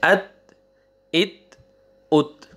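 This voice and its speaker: A man with a Pakistani Urdu accent teaching a Quran reading lesson, slowly drawing out syllables for pupils to repeat and then adding quick explanations. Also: a bit bright. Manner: slow, drawn-out drilling of syllables with quick asides. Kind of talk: online recitation lesson.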